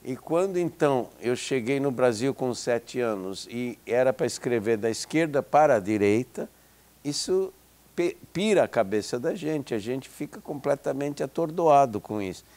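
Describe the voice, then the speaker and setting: In a reflective interview, an Israeli man in his seventies who teaches psychology and grew up speaking Hebrew comes across as hesitant, with lots of fillers and restarts. His mid-range voice is expressive and darkish, at a moderate pace.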